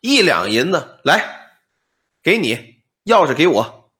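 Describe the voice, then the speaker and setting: A man's voice: on the high side, sing-song, slow pace, sharp tone, full character voice. A man voicing a bold young male scholar in a told story, boasting with a playful swagger. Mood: boastful.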